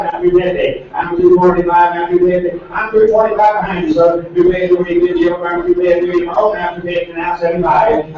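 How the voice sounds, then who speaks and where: A man working as an auctioneer, calling bids in a quick rhythmic chant with folksy asides. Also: high voice, a little hiss or hum. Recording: distant echoey lo-fi recording with loud crowd.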